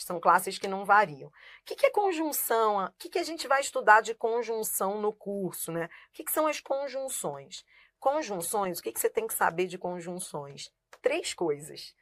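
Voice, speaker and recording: A woman's voice: medium pitch, a bit bright. Woman teaching grammar, checking in often. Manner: asks herself rhetorical questions and answers them; keeps checking in with the viewer and says "look" while writing on a board. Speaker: Portuguese teacher. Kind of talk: live online grammar class.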